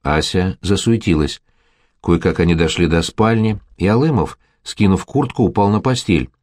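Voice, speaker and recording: A man narrating an audiobook in a calm, even storytelling manner. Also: low-pitched, normal speed, dry recording, studio quality. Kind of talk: scripted narration.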